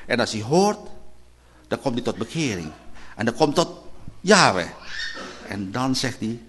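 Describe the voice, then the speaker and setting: A man with a Dutch accent preaching a sermon, addressing brothers and sisters, repeating key phrases and swinging between loud declarations and quiet, low passages. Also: sing-song, unhurried, a little hiss or hum.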